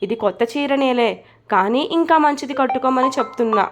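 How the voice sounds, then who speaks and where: A woman's voice: high-pitched, brisk, noisy background, natural voice. Young husband figure, impatient, scolding, snappy, woman reader.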